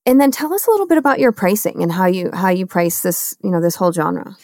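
A woman hosting a podcast, asking her guest questions with quick encouraging affirmations. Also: fairly low pitch, big pitch swings, a little mellow, dry recording, studio quality. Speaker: podcast host. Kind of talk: interview questions.

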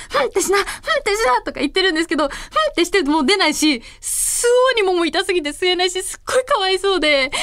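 A woman's voice: extremely high pitch, dry recording, studio quality. A woman hosting a radio show and reading out listener mail in a casual, bubbly way, laughing often. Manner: bubbly and animated, quick to laugh. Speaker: radio host and singer.

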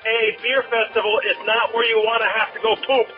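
An older man's voicemail is played back from a landline phone, so his voice sounds dull and lo-fi. He pitches high and jokes crudely in a deadpan way as he rambles. Faint music sits beneath the call. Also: brisk. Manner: crude, jokey, deadpan delivery. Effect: played back over a landline phone voicemail. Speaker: voicemail caller.

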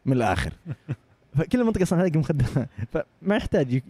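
A young Saudi man with a Saudi Arabic accent telling travel stories in casual chat, animated and full of acted-out voices. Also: a little high, racing, no echo. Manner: animated, acts out voices in anecdotes. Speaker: guest. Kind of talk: casual storytelling.

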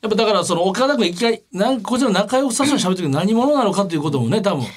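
A man with a Kansai Japanese accent co-hosting a podcast, joking and teasing in fast playful banter. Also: high voice, lively intonation. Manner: playful, jokey, quick to tease. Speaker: co-host.

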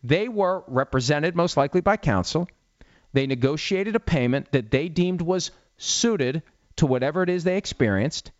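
A man's voice: on the high side, lively intonation, normal speed, dry recording. Wry, talkative middle-aged man on a dull, dry mic. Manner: conversational, wry asides, explains legal points plainly. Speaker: sports talk show host. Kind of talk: casual talk-show commentary.

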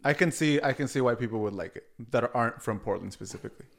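A young man from Mexico, a podcast guest, talking in a measured, thoughtful way and sometimes correcting himself. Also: mid-range voice, creaky, fairly bright tone. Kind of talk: casual chat.

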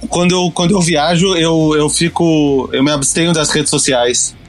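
Rambling Brazilian man, slightly high voice. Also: fairly even intonation, moderate pace, soft background music. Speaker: podcast co-host. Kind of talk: casual anecdotal chat.

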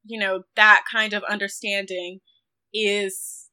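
Slow and mid-range, with little pitch movement, her voice is bright and forceful. She appears as a guest critic in a reflective film discussion interview, considering her points carefully and often qualifying them.

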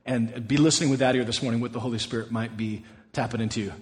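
Energetic pastor addressing his congregation. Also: medium pitch, fast, long reverb tail. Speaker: pastor interviewing a guest. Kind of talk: sermon-time interview.

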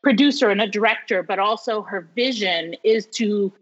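A woman from New York in her forties, a professor telling stories as an interview guest in an animated way, laughing often. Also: medium pitch, normal speed. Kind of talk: casual storytelling interview. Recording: dull lo-fi sound with long reverb.

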